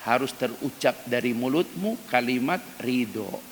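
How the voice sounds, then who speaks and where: A male preacher gives an emphatic dawn sermon, speaking straight to the men in the congregation. His mid-pitched voice has a gravelly edge. It rings with long reverb through a mosque hall, over a faint hiss. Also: expressive, unhurried. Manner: acts out quoted prayers in loud, high cries. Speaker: ustadz preacher.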